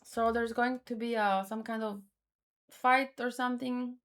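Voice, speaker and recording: A woman with a fairly high, steady voice hosts a manga read-along, offering casual commentary. She talks slowly, musing out loud, and hesitates often, repeating words as she thinks.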